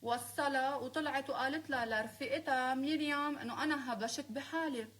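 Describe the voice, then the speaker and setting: Lebanese woman, high voice, live-stream rant: confrontational, scolding, sarcastic. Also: fairly quick, a bit bright. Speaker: singer speaking on a live stream.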